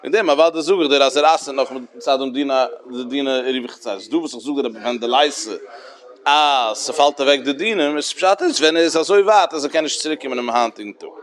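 A man's voice: mid-range voice, fairly quick. A man teaching a Talmud lesson in a sing-song study cadence with many fillers.

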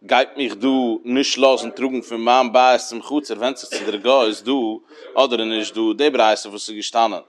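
A man's voice: medium pitch, steady tone, normal speed. A man teaching a Talmud lesson in a sing-song study cadence with many fillers.

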